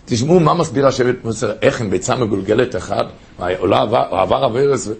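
A man preaching a sermon through stories, telling them with passion and rising to high cries. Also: creaky, a little mellow, breathy edge.

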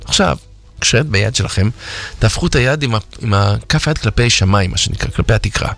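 A man's voice: fairly low pitch, expressive, gravelly, a bit bright, faint music behind. A man guiding listeners through a self-help exercise, teaching in a rhetorical, playfully teasing way. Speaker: self-help workshop instructor. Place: radio studio.

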